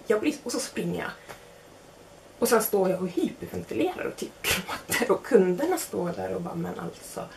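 Young woman storyteller, animated and self-mocking, slightly creaky delivery. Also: medium pitch, a little hiss or hum. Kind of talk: casual spoken anecdote.

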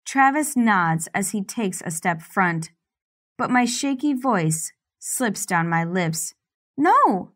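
A woman narrating a first-person romance audiobook in a steady, unhurried reading voice. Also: medium pitch.

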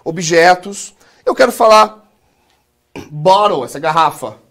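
In a live English class, a Brazilian teacher leads call-and-repeat drills and jokes around with his students. His voice is high-pitched and animated, fairly bright in tone, and he speaks slowly with a Brazilian Portuguese accent.

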